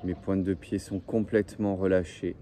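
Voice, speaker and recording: Deep, dark-voiced man guiding slow relaxation. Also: flat delivery. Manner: slow, soothing, repetitive phrasing. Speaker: relaxation guide. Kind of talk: guided breathing and relaxation meditation. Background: faint birdsong and ambient noise.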